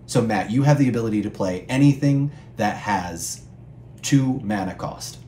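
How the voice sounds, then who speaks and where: A man's voice: fairly low pitch, moderate pace, warm tone. Man patiently explaining game rules. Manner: clear, patient rule explanations with playful asides. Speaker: guest co-player explaining the rules. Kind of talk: casual explanatory chat. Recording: echoey room with faint background hum.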